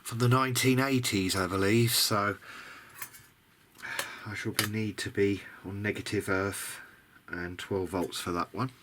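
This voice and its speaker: An unhurried man with a lowish voice and fairly even intonation works at his bench, thinking aloud in a casual, tentative, unscripted way. It resembles a hobbyist's video diary, recorded with noticeable background noise.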